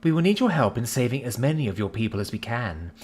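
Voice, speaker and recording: A man's voice: mid-range voice, very animated, quick pace, darkish tone, slightly rough. A man voicing a cold male human admiral, curt and faintly annoyed.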